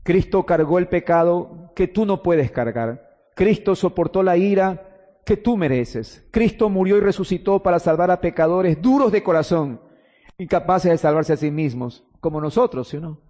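A man with a high, mellow voice preaches a sermon in a hall that rings with long reverb. He swings from loud, urgent exclamations to hushed, slowly stretched words. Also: expressive. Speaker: pastor.

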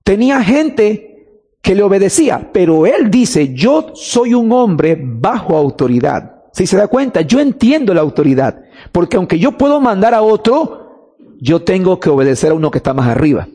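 A man's voice: high voice, very animated, moderate pace, dark tone, slightly rough, in a large hall. A man preaching a sermon, emphatic, drawing out key words and asking rhetorical questions.

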